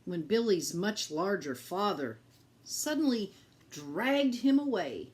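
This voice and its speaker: A woman of medium pitch shares a picture book with children, reading in an animated yet careful classroom manner and talking directly to her young listeners.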